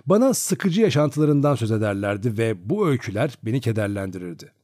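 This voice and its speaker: Expressive male audiobook narrator. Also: mid-range voice, brisk, no room sound, studio quality. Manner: expressive storytelling. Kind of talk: audiobook reading of a novel.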